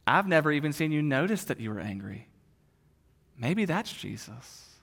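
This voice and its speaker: A man preaching a sermon, voicing a devout farmer's wife in a story, soft and gentle. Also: a little high, very animated, normal speed, vocal fry, heavily acted. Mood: tender. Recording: long reverb of a large hall.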